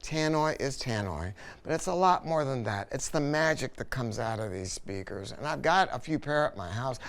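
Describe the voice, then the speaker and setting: This man, an audio dealer who also reviews products, talks unscripted in a sales-style review at normal speed. His mid-range voice is animated, clean and fairly bright as he tells stories in an emphatic, colloquial way, regularly checking in with rhetorical tag questions.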